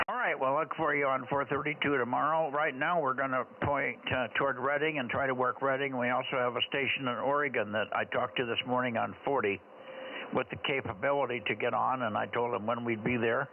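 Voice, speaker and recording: A man's voice: medium pitch, steady tone, fairly quick. A man running an amateur radio net, talking casually as net controller and using radio call-sign phonetics. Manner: spells out call signs in phonetics. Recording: narrowband, very noisy two-way radio audio.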